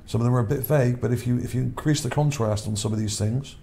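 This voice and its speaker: A channel host with a medium-pitched, gravelly yet mellow voice talks fast, his voice starting to wear out. He's casually reading his article over images, rambling, repeating words and checking in with "okay?", with slight background noise.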